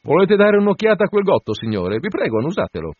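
A man voicing an indignant, suspicious ship's mate who rants loudly and mocks others. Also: sits high, sing-song, quick pace, no room sound, voice pushed up. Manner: loud, indignant, mocking rants. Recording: dull dry radio broadcast.

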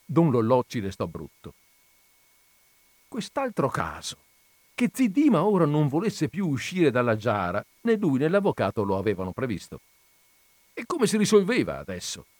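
Male reader, expressive narration, lively pitch, dry close recording. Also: normal speed, no echo. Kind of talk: literary story reading.

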